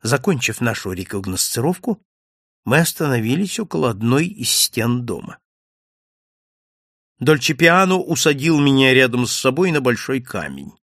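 A man narrating a novel as an audiobook, in an expressive, lively storytelling manner. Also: medium pitch, moderate pace, no room sound, clean studio sound.

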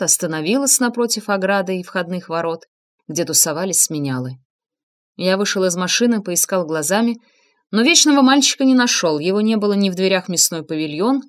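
A woman narrating a first-person crime novel as an audiobook, reading with expressive emphasis. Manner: expressive, shifting pitch for emphasis.

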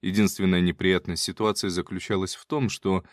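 A man's voice: sits low, flat delivery, a little fast, no room sound, studio quality. A man narrating a first-person audiobook in a wry, sardonic, conversational way.

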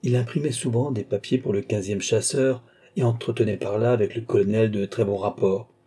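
A man narrating a short story in a measured storytelling manner. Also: fairly low pitch, steady tone, dark tone, husky.

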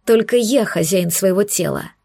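A domineering male demon lover snarls his lines, slow and clipped, with barely held fury, played by a woman reading the story. His growl sits a touch below the narrator's own tone. The reading is close and dry, with no room around it. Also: high voice, vocal fry, mellow, no echo. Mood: growling angry.

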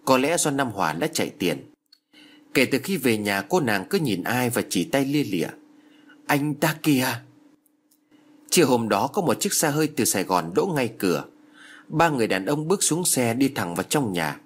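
A man narrating a story in an expressive, lively reading style. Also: mid-range voice, moderate pace, breathy edge.

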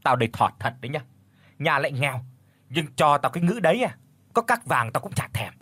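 A man's voice: fairly high pitch, sing-song, fairly quick, fairly bright tone, breathy edge, no echo, heavily acted. A man doing a jeering young village lout. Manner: jeering, teasing. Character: mocking poor lame young village man.

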